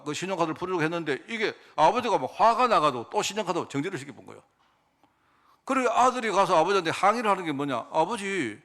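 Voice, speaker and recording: A man's voice: fairly high pitch, sharp tone. A male pastor tells a story in a sermon, often asking his congregation rhetorical questions. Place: church sanctuary.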